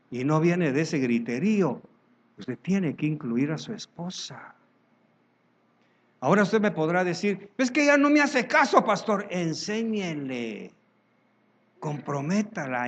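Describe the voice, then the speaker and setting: A man preaching a sermon as pastor, telling stories and acting out the voices of church members. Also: on the high side.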